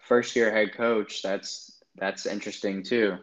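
A man's voice: on the low side, steady tone, measured pace, muffled recording. A man co-hosting a sports podcast, easygoing and steering the talk. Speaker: podcast co-host. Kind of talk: casual sports chat.

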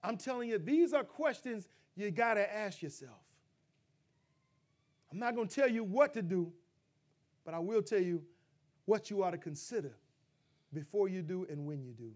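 High-voiced, impassioned preaching man. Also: animated, moderate pace, pauses often. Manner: preaching, swings from loud emphatic peaks to low, quiet asides. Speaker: pastor. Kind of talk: sermon.

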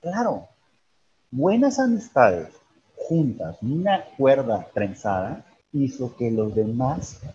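A priest, animatedly telling a story and acting out the voices of the people in it. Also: male voice, mid-range voice, slow, slightly rough, highs cut off. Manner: animated, acts out quoted voices. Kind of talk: storytelling on a podcast.

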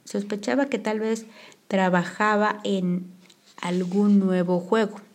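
A woman reading an audiobook, voicing a calm older man who answers slowly and reflectively. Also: medium pitch.

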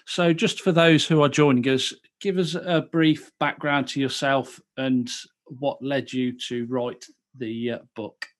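A man hosting an interview, politely and slowly asking his guest to introduce himself. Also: medium pitch, fairly even intonation. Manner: slow, polite questioning.

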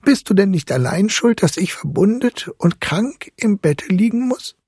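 A man's voice: sits high, expressive, measured pace, darkish tone, slightly rough, no room sound, studio quality, pitched above the performer's own voice, exaggerated voice. A man voicing a sick little girl who accuses her godfather in a storybook reading. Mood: reproachful. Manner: plaintive, accusing.

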